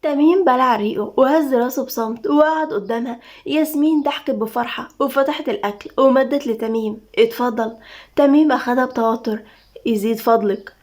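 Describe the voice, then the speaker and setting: Brisk, high-voiced Egyptian storyteller woman. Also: a little mellow. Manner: brisk, dramatic reading. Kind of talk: audio story narration.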